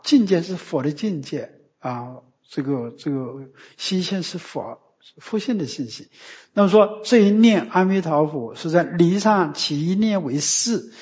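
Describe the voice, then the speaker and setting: A man with a high voice gives a Buddhist dharma talk, teaching in a didactic, emphatic way and ending his points with short tag questions. The recording is muffled and lo-fi. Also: darkish tone.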